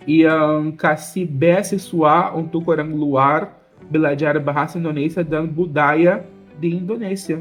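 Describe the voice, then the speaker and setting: A young man from Brazil with a Brazilian Portuguese accent tells a casual story as a vlog host, speaking as a foreigner in a learned second language with simple, repetitive phrasing. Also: on the high side. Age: young adult.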